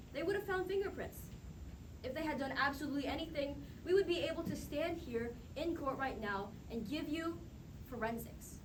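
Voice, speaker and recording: A woman acting as defense counsel delivers a passionate, emphatic courtroom closing argument, with rhetorical questions and dramatic pauses. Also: high voice. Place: echoey indoor room, recorded from a distance. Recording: distant mic, echoey room, clear background noise.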